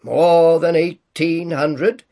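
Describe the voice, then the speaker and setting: A man voicing a jolly giant male spirit, kind and hearty, speaking slowly and emphatically in a storybook reading. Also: fairly high pitch, fairly even intonation, dark tone, pitched above the performer's own voice.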